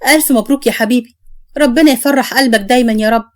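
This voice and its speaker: A woman's voice: fairly high pitch, very fast, natural voice. A woman voicing a kind, patient older mother-in-law who speaks tenderly in an Egyptian accent. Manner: tender, soothing.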